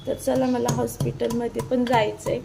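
A middle-aged woman chats informally for a home cooking vlog, hoarse from a sore throat, her voice giving out. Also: a little high, level tone, normal speed, mellow, a little hiss or hum. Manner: chatty, repetitive, informal. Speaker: homemaker video blogger. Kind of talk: casual cooking vlog chat. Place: home kitchen.

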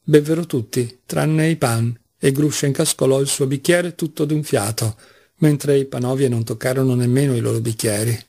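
Gravelly male audiobook narrator. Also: mid-range voice, steady tone, moderate pace, dark tone. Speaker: audiobook reader. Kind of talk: classic novel narration.

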